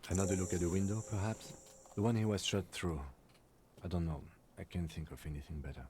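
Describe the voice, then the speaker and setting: A man voicing a calm, reserved police lieutenant in a video game, speaking in a dry, precise, deadpan way. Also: deep voice, fairly quick, noisy background, lightly acted. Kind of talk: game voice acting.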